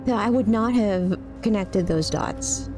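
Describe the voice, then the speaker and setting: A woman's voice: mid-range voice, unhurried, over music. A woman giving casual, joking gameplay commentary as a streamer, in a playful, wry manner. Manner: playful, wry, breaks into bits of sing-song. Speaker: game streamer.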